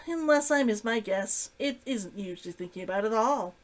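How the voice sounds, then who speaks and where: A woman's voice: fairly high pitch, lively intonation, normal speed, close to an everyday voice. A woman voicing a curious, restrained male adventurer in a story reading. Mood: puzzled, probing. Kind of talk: acted dialogue in a story reading.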